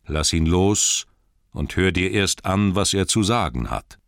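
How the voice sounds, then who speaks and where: A man voicing a calm, authoritative old male wizard in an audiobook, speaking slowly and firmly. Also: low-pitched, no echo, clean studio sound, heavily acted. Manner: slow, measured and firm. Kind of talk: audiobook character voice.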